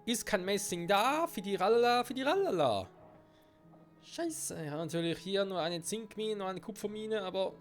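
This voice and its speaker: Stuffy-nosed with a cold, a man gives casual let's play commentary, swearing and thinking aloud to himself. His voice sits high, expressive, at a moderate pace. Faint game music plays behind him.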